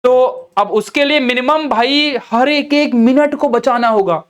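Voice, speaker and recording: A man's voice: very high-pitched, measured pace, smooth. A young man with an Indian accent, an online teacher giving earnest, coaxing study advice straight to his students. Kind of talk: motivational study advice talk.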